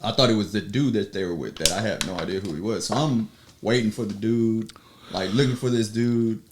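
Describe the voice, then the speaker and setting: Animated low-voiced man telling a story. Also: a little fast, noisy background. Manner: animated storyteller, acts out quotes, laughs often. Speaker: podcast guest. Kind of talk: casual storytelling chat.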